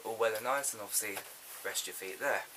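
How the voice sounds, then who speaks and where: A man chatting casually and haltingly as he presents an unboxing, recorded on a built-in camera microphone. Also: on the low side. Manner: informal, halting, thinking aloud. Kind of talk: casual unscripted vlog chat. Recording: loud hiss, clicks, built-in camera mic.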